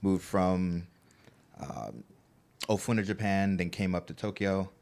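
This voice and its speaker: A man's voice: deep voice, unhurried, vocal fry, darkish tone. A man from the United States, laid-back and casual, telling his story as a panel guest. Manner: laid-back, laughs often while telling stories.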